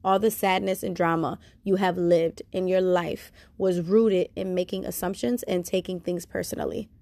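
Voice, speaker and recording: A woman reading a self-help book chapter aloud in a steady, measured way. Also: lowish voice, gravelly, no echo. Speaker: reader.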